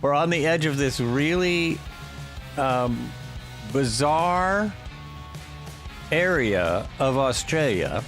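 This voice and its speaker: A man on a live stream talks casually to viewers mid-flight, voicing his thoughts and breaking into eager yelps and cheers. He speaks slowly at a medium pitch, leaving long pauses, while soft music plays underneath.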